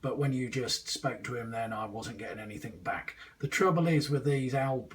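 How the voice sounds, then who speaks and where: Trying out his new CB radio in a small room stocked with radio equipment, a man in his 20s talks in a loose, rambling way, hesitating often and leaning on slang. His voice sits at medium pitch, comes at a moderate speed, and is picked up by a distant microphone.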